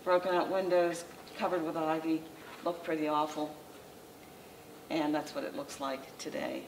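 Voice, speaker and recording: Slides guide this informal lecture by an older woman, president of the local historical society, addressing a small audience indoors in a library meeting room. Her low, unhurried, creaky voice has little pitch movement, and she is conversational yet halting, with frequent restarts and fillers. A far camera mic picks up the masked speaker over faint room noise.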